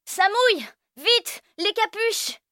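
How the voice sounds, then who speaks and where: Cheeky young boy, chirpy and squeaky high, lady voicing him, kids' story. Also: animated, a little slow, fairly bright tone, dry recording, clean studio sound.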